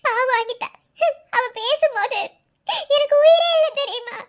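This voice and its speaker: An upset young wife in a village cartoon, voiced by a woman with a Madurai accent. Her voice is very high and squeaky, and she sounds tearful and indignant. She keeps sighing over the trouble in the family. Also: measured pace. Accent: Madurai Tamil.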